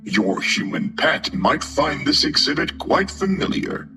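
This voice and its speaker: A man's voice: on the high side, big pitch swings, measured pace. A man voicing a mechanical alien zoo guide drone, formal and condescending, with music behind. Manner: formal, detached, sneering. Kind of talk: horror audio story.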